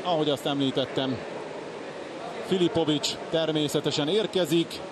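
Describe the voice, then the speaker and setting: A man giving excited Hungarian sports commentary as a live commentator, swelling on the key moments. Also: fairly high pitch. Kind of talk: live water polo commentary. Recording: loud pool-hall noise behind. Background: loud indoor pool ambience.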